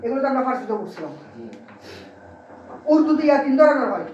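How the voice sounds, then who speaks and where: A male teacher giving a classroom grammar lesson. He drills his students with call-and-response questions and is brisk, at times scolding. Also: extremely high pitch, sing-song, a little hiss or hum. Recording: roomy, distant, dull lo-fi classroom recording.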